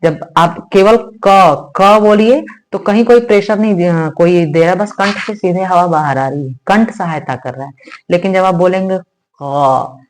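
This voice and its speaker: A woman teacher walks her viewers through Sanskrit pronunciation, saying each sound slowly and asking them to repeat it. She keeps checking in with her students, calling them "beta" the way a teacher does. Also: lowish voice, a little hiss or hum. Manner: addresses viewers as "beta", asks "hai na?". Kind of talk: spoken online lesson.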